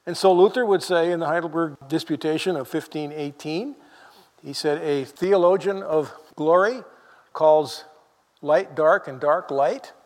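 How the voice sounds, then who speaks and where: A man preaching a sermon in a lively, conversational way, full of rhetorical questions to the congregation. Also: a little high, a little slow, long reverb tail.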